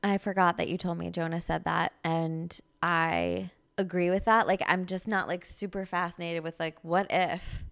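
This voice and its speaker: A woman's voice: fairly low pitch, flat delivery, normal speed, creaky, few pauses, fairly bright tone. A woman co-hosting a podcast in casual chat, hesitant and laughing, with many fillers. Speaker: podcast co-host.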